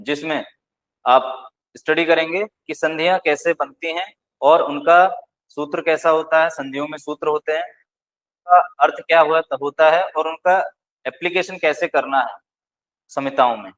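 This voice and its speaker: Slow, deliberate male Sanskrit teacher. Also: fairly high pitch, a bit bright, rough recording. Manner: slow, deliberate, recites syllables one by one. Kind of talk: recorded lecture.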